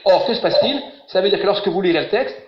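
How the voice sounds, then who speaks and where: A man's voice: high-pitched, expressive, fast talker, echoey room, muffled recording. A man teaching a biblical Hebrew grammar lesson online, patient and encouraging, asking his students questions. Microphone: webinar call audio.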